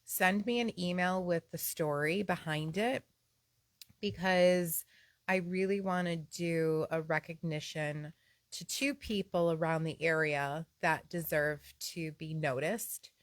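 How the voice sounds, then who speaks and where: A woman's voice: lowish voice, takes it slowly, no room sound. Chatty woman host teasing her husband. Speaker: podcast co-host. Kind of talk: casual couple banter. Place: at home on a Sunday.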